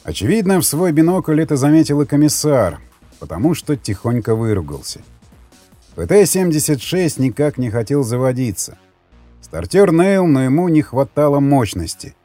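Male narrator, expressive dark voice, faint music underneath. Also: a little high, normal speed, no echo. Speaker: audiobook narrator. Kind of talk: dramatic audiobook narration.

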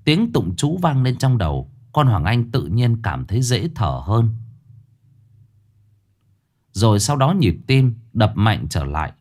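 A man narrating a ghost story in a dramatic, expressive way. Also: medium pitch, a little slow, long pauses.

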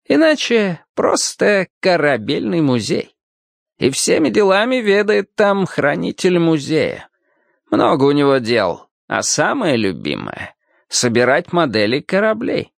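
A kindly old cobbler in a storybook, quavering and folksy, as a male narrator puts him on. He talks slowly and slyly, his pitch rising and falling widely, with a gravelly grain. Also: no echo, studio quality, full character voice. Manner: folksy, teasing, slow and sly. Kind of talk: audiobook character voice.

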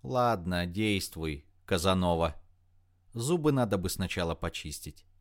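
A man voicing a quick-tempered, sarcastic young woman in an audiobook. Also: low-pitched, expressive. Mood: teasing. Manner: raised, sarcastic, snappy delivery. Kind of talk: audiobook character voice.

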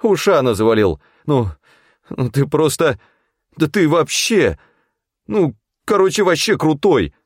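A man voicing a scared young junkie who pleads and fawns in a hurried, whiny way. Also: on the high side, very animated, breathy edge, no room sound, studio quality, pitched above the performer's own voice, heavily acted. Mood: whiny, pleading.

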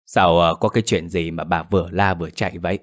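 Blunt neighborly villager in a ghost story, chiding and plain-spoken, voiced by a deep-voiced man. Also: steady tone, fast, lightly acted.

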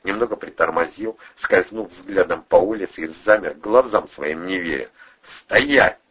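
A man narrating an audiobook in a steady, even storytelling manner. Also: low-pitched, normal speed, husky, muffled recording. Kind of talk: scripted narration.

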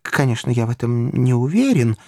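A man voicing a genial elderly gentleman who gets startled and flustered. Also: medium pitch, big pitch swings, a little fast, dry recording, clean studio sound. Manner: fussy, flustered exclamations.

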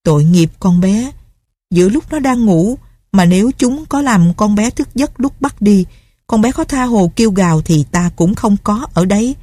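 A woman's voice: medium pitch, lively intonation, moderate pace, mellow, breathy edge, no echo. A woman voicing a grief-crazed, vengeful old female recluse in an audiobook, ranting and menacing. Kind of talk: audiobook character reading.

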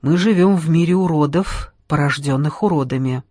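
A woman's voice: low voice, normal speed, dark tone, no room sound. Woman doing a rambling drunk man, lecturing and sing-song, dry close read. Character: tipsy rambling middle-aged man.

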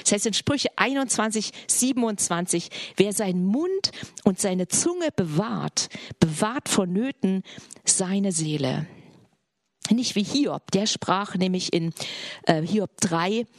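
Earnest woman preaching, husky voice. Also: medium pitch, lively intonation, slow pace, dry recording, clean studio sound. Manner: earnest, slips into soft whispered passages. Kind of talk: sermon.

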